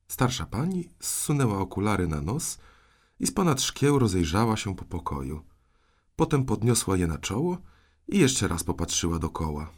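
Male audiobook narrator, deep tone, lively varied intonation. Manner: expressive storytelling. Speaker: audiobook reader.

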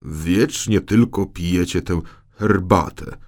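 A man's voice: deep voice, takes it slowly. A man doing a blustering henpecked king. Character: pompous, henpecked middle-aged king.

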